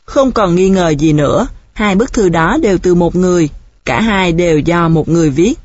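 A woman's voice: lowish voice, moderate pace, a little mellow, no echo, lightly acted. Woman reading as a grave, stern police officer. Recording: dull, dry recording.

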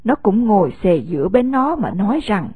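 A woman with a Southern Vietnamese accent narrating a story in an expressive storytelling way. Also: medium pitch, moderate pace, breathy edge, no echo, narrow, tinny audio.

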